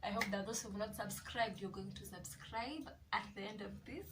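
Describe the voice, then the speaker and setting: A young Kenyan woman vlogs in a casual, chatty way, often circling back with little yeses. Her voice sits at an ordinary middle pitch. She is a bit off-mic, and a faint hum of room noise sits underneath. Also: normal speed, recorded from a distance. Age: 20s. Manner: chatty, repeats herself with many yeses. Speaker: vlogger. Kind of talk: casual chat to camera.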